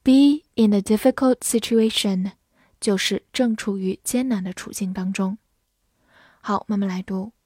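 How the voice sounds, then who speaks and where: A woman teaching English vocabulary, spelling words letter by letter and reading example sentences slowly. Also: mid-range voice, mellow, husky, dry recording, clean studio sound.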